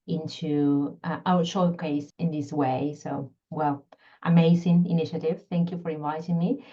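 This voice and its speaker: A woman's voice: sits low, dark tone, dull audio. A middle-aged woman from Peru with a Peruvian Spanish accent, explaining her work thoughtfully in a podcast interview, often searching for words. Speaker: guest, constellation facilitator and scientist.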